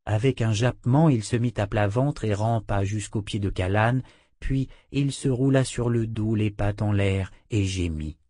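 A man narrating a fantasy novel as an audiobook, in measured storytelling. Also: fairly low pitch, mellow, no room sound, studio quality. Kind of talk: scripted narration.

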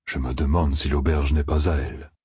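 A towering, patient Ogier speaks with kindly calm, as a man reads him in an audiobook. The voice sits very deep and husky. It is recorded close and dry. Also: normal speed, no echo, exaggerated voice. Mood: gentle. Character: gentle, patient giant male Ogier, very tall. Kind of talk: audiobook character reading.

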